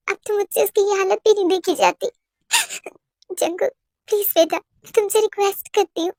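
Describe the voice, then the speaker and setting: A woman's voice: extremely high pitch, darkish tone, no echo, studio quality. A woman voicing an anxious middle-aged mother who pleads with her son.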